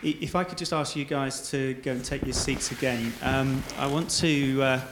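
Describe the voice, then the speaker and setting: Very polite, halting man, echoey noisy room. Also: mid-range voice, steady tone, over a noisy crowd. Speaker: event host. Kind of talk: formal event hosting remarks. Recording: echoey room with background noise.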